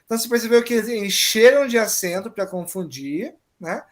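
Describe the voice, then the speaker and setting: A man's voice: high-pitched, expressive, a little fast. A man teaching an online exam-prep grammar lesson, patiently explaining and often checking that students follow.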